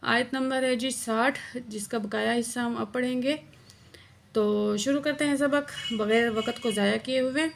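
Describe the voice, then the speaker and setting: Woman teaching quran reading slow and patient, bit high pitched, some fry in her voice. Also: fairly even intonation, background noise. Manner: patient, explaining letter by letter; slow drawn-out recitation of verses. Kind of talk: word-by-word tajweed lesson with slow recitation.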